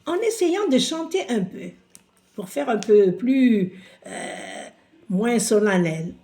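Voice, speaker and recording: A woman teaching a slow, patient reading lesson to young children, sounding out syllables in a sing-song way. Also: mid-range voice, expressive, gravelly, mellow. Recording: roomy echo.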